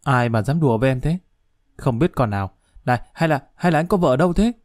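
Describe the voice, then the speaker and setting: A man voicing a jealous, hot-tempered wife, a schoolteacher, who is sharp-tongued and quick to flatter. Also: mid-range voice, no room sound, clean studio sound, natural voice. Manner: sharp-tongued, then fawning.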